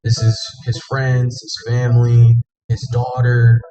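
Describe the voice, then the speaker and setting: Mellow-voiced confident man. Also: mid-range voice, monotone, measured pace, dull audio, soft background music. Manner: confident, matter-of-fact. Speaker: scam investigator. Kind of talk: explanatory conversation.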